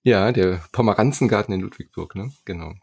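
A man from southern Germany with a slight Swabian accent, hosting a casual podcast chat about games and often pausing with fillers and restarts. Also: fairly low pitch, vocal fry, a little mellow, breathy edge, no room sound, clean studio sound. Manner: hesitant, many fillers and restarts.

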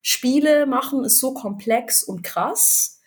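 A woman's voice: high-pitched, takes it slowly, breathy edge. A woman from southern Germany, a guest on a casual game podcast, who rambles through her thoughts with lots of fillers and slangy words. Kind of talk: casual podcast chat about games.

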